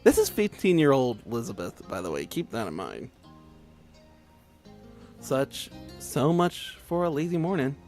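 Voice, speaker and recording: A man's voice: medium pitch, wildly swooping pitch, unhurried, long pauses, a little mellow, soft background music. A man streaming a story game, reading it aloud with giggly, chatty asides.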